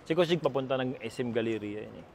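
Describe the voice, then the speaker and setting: A man telling a comic story to a group, animated, repeating lines for effect and laughing as he goes. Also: medium pitch, fast, creaky, slight background noise. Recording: loud crowd laughter around him.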